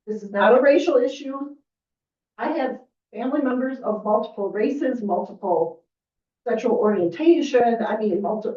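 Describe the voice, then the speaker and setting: A woman's voice: fairly high pitch, distant mic. A woman on the village staff speaking firmly and earnestly at a public board meeting. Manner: earnest, firm, upset. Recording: roomy, off-mic, dull meeting audio.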